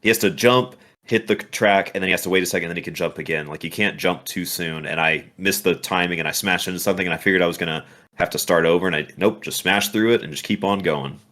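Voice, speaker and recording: A man's voice: low-pitched, fast talker, a bit bright. A man in a casual chat who rambles and restarts his sentences. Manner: rambling, full of fillers and restarts.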